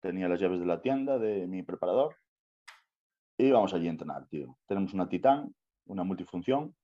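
A man's voice: deep voice, expressive, fairly quick, mellow, muffled recording. A young man from Spain with a Spanish accent, a bodybuilder guest telling his story in a casual interview, swearing freely and tagging lines with "tío" and "¿sabes?". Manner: slangy, swears often, keeps saying "tío" and "¿sabes?".

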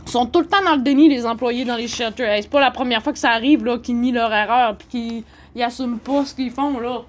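A woman's voice: a little high, brisk. A woman with a Québécois French accent, a journalist speaking in an indignant, rambling monologue full of "là" and "tu sais". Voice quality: heated, indignant rambling with frequent "là". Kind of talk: casual monologue. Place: homeless shelter.

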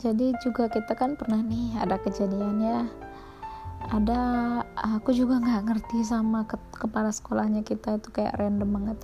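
A woman's voice: on the high side, level tone, normal speed, over music. A young woman casually telling stories about her former daycare job, chatty and full of fillers. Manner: chatty, lots of fillers, mimics others in quotes. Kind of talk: casual storytelling chat.

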